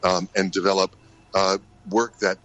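A middle-aged American man, a ballet director, answering questions in a radio interview, halting with many fillers and restarts. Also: sits low, level tone, a bit bright, lo-fi sound. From United States.

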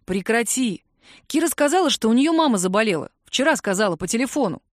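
A woman's voice: a little high, expressive, quick pace, dry recording, studio quality, lightly acted. A woman voicing an irritable, worried young man snapping at his friend, in an audiobook. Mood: irritated. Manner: gruff, snapping.

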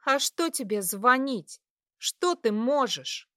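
A woman's voice: a little high, lively intonation, unhurried, no room sound, clean studio sound. A young woman voicing a defiant female student who answers back in heated, raised bursts. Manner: heated, raised, sharp outbursts.

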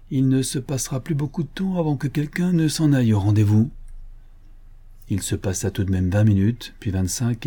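Male audiobook reader, low and husky, dark mellow tone, steady storytelling. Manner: steady reading, raising pitch for dialogue. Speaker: audiobook narrator. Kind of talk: scripted narration of a detective story.

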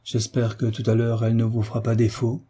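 A man reading the lines of an ironic, hunchbacked nobleman in a French audiobook, in a measured, slightly raised voice. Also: mid-range voice, monotone, warm tone, slightly rough. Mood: coolly ironic. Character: marquis, hunchbacked older nobleman, ironic and cool.

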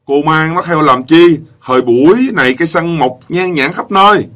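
A man voicing the fathers and drivers in short funny stories, slower than his narration. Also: fairly high pitch, a bit bright, natural voice. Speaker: character voices in jokes. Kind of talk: acted dialogue in funny stories.

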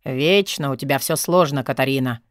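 A woman voicing a hoarse, gruff rescuer. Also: normal speed, no room sound, clean studio sound, natural voice. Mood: stern. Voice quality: hoarse, low whisper. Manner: gruff, grumbling, menacing. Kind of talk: audiobook character voice.

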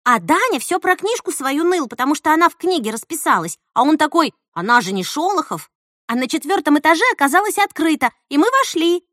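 An indignant teenage girl, as a woman puts her on rattles on in a high, rushed, whiny voice. Her pitch leaps around, and the sound is dry and close. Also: expressive, dry recording. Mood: agitated.

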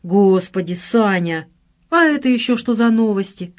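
A woman voicing a fussing, doting middle-aged mother in an audiobook, scolding with lively pitch swings. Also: moderate pace, natural voice. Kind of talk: audiobook character reading.

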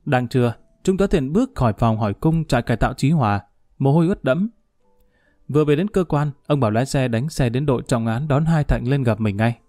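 A man narrating a crime story in a steady, measured storytelling voice. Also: medium pitch, no room sound, faint music behind.

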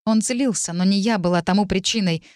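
A woman narrating a novel in the first person, in an even storytelling manner. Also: medium pitch, a little fast, no room sound, clean studio sound. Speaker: audiobook narrator.

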